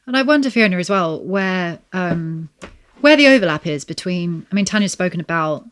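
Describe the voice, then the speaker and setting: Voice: medium pitch, lively intonation, normal speed, fairly bright tone, smooth. A podcast host asking long, thoughtful questions, attentive, with frequent hums of agreement. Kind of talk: podcast interviewing.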